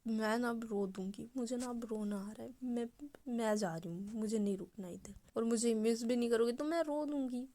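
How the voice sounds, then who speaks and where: A woman's voice: on the high side, fairly even intonation, moderate pace, mellow, close to an everyday voice. A woman voicing a clingy young woman in love who pleads and sulks in a whiny way. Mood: sulky.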